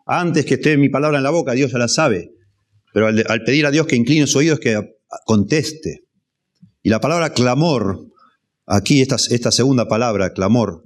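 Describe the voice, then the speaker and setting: A man preaching an expository sermon, measured and repeating key phrases for emphasis. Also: mid-range voice. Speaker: pastor.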